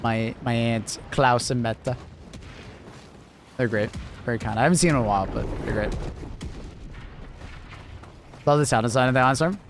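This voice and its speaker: On a noisy-sounding live stream, a young man from Canada talks loosely at normal speed and medium pitch, leaving long pauses. His accent is mild and near-American, and his manner is relaxed and rambling, with lots of fillers and occasional chuckles.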